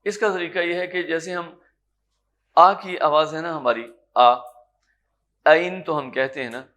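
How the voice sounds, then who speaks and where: This man, a teacher of Quran recitation, has a fairly high voice and speaks with a Pakistani Urdu accent while leading a tajweed class in a lecture room. Patient, calm, and encouraging, he pronounces every Arabic letter loudly and stretches it out at a slow pace.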